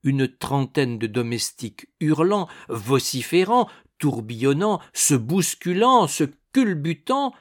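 A man narrating an adventure novel as an audiobook, with dramatic, expressive storytelling. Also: a little high.

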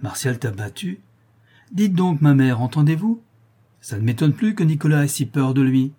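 A man's voice: mid-range voice, fairly quick, warm tone, husky, pitched above the performer's own voice, close to an everyday voice. A man doing a spiteful, mocking young woman. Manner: mocking, taunting.

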